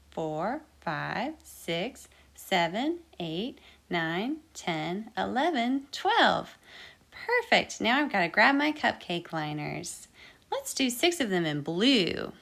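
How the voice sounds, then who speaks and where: Slightly high and gravelly, with a touch of brightness, this woman leads kids through a baking storytime. She uses sing-song, repeated directions to encourage them as they count and sing along.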